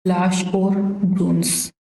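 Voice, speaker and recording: A woman's voice: on the low side, level tone, slow pace, gravelly, warm tone, echoey room, poor audio. A woman teacher going through exam questions one by one, explaining the answers casually and giving memory tricks. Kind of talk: exam revision lesson.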